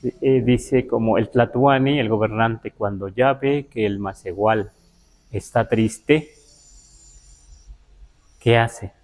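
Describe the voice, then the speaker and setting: A man from the Huasteca region of Mexico teaching a live online Nahuatl class, explaining words slowly with many fillers and check-in questions. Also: mid-range voice, darkish tone. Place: Mexico City.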